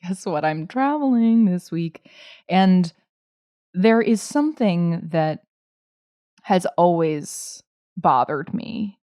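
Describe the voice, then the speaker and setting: Woman, podcast co-host, casual chat, animated storytelling, dry recording. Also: lowish voice, slow pace, pauses often, no room sound. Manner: laughs often, animated storytelling. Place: Brooklyn, New York.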